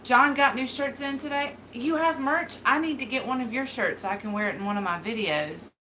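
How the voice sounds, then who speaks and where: Brisk and sharp-toned, with a voice on the high side, a thirties-aged woman from the American South hosts a casual beauty live stream, rambling with lots of fillers as she reads comments in a light Southern accent. The rough recording has a little hiss or hum.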